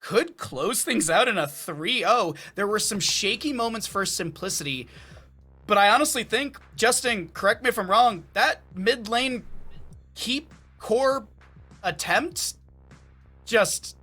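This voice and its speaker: A man working as an esports caster, giving excitable game commentary with jokey banter toward his co-caster. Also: high-pitched, a little slow, slightly rough, soft background music.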